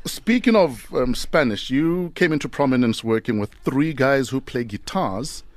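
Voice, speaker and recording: A male breakfast radio host, his pitch swinging widely as he teases and questions his guest. The voice sits close and dry on the microphone, with no room sound around it. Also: normal speed, no room sound. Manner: playful, animated interviewer. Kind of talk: breakfast radio show chat.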